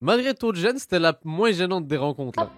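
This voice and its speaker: A man's voice: high-pitched, sing-song, fairly quick. A man hosting a reaction video, commenting casually and mockingly with bursts of laughter.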